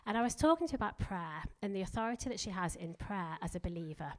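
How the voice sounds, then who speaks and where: A middle-aged woman preaching a sermon in a church, emphatic and energetic, leading the congregation in spoken declarations. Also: lowish voice, quick pace. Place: church hall.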